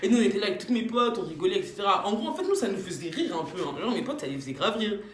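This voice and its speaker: Animated young woman telling a story. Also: mid-range voice, rapid-fire. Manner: animated, slangy, acts out quotes. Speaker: vlogger. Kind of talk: casual storytime. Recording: echoey room.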